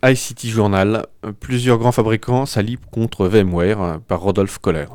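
A man's voice: on the low side, fairly even intonation, normal speed, noisy background. A man co-hosting a podcast, reading out and discussing tech news in a casual, hesitant way with many fillers and restarts. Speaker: podcast co-host reading a tech press review.

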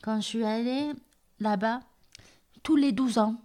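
A hard-of-hearing woman with a southern French accent, answering interview questions in a hesitant, halting way with many fillers. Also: a little high, mellow. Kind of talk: casual interview.

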